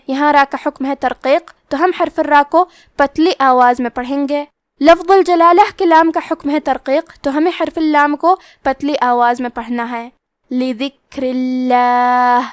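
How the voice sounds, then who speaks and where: High-voiced woman teaching Quran recitation. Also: no room sound, studio quality. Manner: explains each letter rule plainly, then recites the word slowly. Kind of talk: tajweed lesson with slow recitation.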